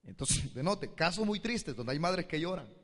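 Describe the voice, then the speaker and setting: Pastor preaching in a reverberant hall. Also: male voice, fairly high pitch, sing-song, moderate pace, fairly bright tone. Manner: addresses the congregation directly with rhetorical questions. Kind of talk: sermon. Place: church hall.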